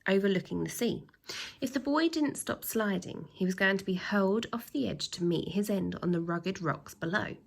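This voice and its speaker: A woman with a mid-range voice, vocal fry and a breathy edge reads a children's story aloud as a teacher would, with drawn-out expressive emphasis and acted sound effects.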